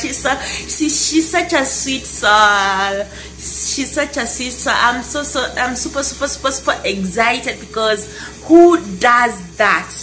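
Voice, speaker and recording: A woman, talking casually to camera in a vlog, gushing and repeating herself excitedly. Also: a little high, a little hiss or hum, low-quality recording. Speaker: vlogger. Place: indoors at night.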